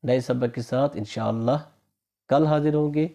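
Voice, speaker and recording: A Quran reading teacher giving a slow recitation lesson, sounding out syllables one by one and adding brief, calm explanations of the rules. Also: mid-range voice. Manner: slow, deliberate syllable-by-syllable drilling with stretched vowels; brief, calm rule explanations between drills.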